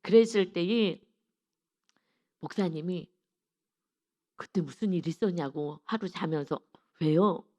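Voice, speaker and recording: A woman giving an early morning sermon, telling a personal story with lively storytelling and acting out her own prayers. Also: on the low side, takes it slowly, long pauses. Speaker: preacher.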